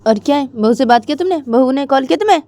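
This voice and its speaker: A woman's voice: high-pitched, sing-song, fairly quick, a little mellow, no room sound, voice pushed up. A woman voicing a middle-aged mother who chats and questions her daughter over the phone. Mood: chatty. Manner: chatty, questioning.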